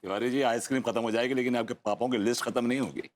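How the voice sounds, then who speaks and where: An actor playing a suave, witty husband who teases and corrects other people's words. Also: male voice, medium pitch, steady tone, racing, slight background noise, close to an everyday voice. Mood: teasing. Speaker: sitcom character. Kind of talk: sitcom acting.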